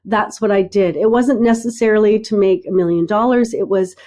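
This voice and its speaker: A middle-aged woman talking as a podcast guest, telling animated stories, acting out bits of dialogue and often checking in with "right?". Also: medium pitch, fairly quick. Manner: animated storyteller, acts out dialogue, frequent "right?". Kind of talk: conversational interview.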